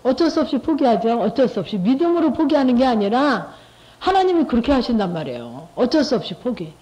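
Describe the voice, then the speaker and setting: A woman's voice: on the high side, sing-song, a little fast, mellow. A middle-aged woman giving a church testimony in a conversational, repetitive way, often asking her listeners rhetorical questions. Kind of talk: testimony talk to a church group. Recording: dull lo-fi recording.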